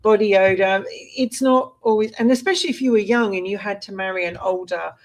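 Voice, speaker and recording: A woman from Britain co-hosting a casual podcast chat, talking in an animated way with restarts and laughs. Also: medium pitch, a little fast, poor audio. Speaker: co-host.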